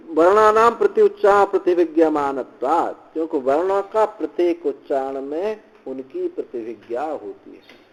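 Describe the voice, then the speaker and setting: A male swami teaching scripture, reciting Sanskrit lines and explaining them slowly in Hindi, often repeating phrases. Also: fairly high pitch, darkish tone, muffled recording. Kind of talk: slow scripture commentary lecture.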